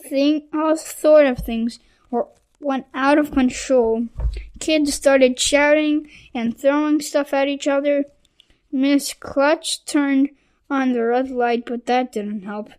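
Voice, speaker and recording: High-voiced woman reading a children's book. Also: fairly even intonation, takes it slowly, a little mellow. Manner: reading with frequent restarts and self-corrections. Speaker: audiobook reader. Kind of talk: children's audiobook narration.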